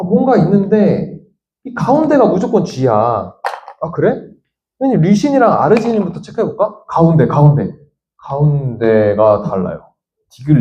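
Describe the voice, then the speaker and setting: A man's voice: a little high, mellow, a little hiss or hum. A man teaching science in a lecture, thinking aloud as he works through a problem and voicing students' questions himself. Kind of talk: lecture with a worked example. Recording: dull lo-fi lecture audio.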